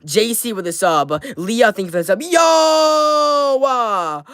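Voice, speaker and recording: A woman livestreamer with a playful gamer-girl delivery, hyping up chat with repetitive, slangy calls and shout-outs to viewers. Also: lowish voice, brisk, dry recording, clean studio sound. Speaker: live streamer hosting a donation and subscriber giveaway. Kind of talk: hyped livestream patter to chat.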